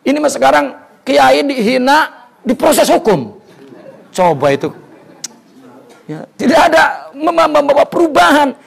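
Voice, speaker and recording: A man's voice: very high voice, very animated, normal speed, vocal fry, pauses often. A man teaching a religious study lesson, telling stories, repeating words for emphasis and reciting Arabic before explaining it.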